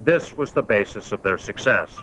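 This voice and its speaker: A man reading scripted promotional narration for an infomercial in a measured, explanatory way. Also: fairly low pitch, lively intonation, a bit bright. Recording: dull lo-fi, faint background noise.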